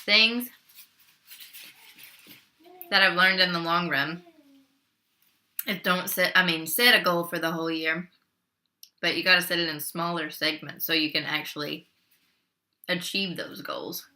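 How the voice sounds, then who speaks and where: A young woman chats on camera at home while she eats, talking between bites and sometimes with her mouth full. Her voice is very bright and sharp, and she takes her time, speaking at an unhurried pace. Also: on the low side. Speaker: vlogger. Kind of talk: casual mukbang eating chat.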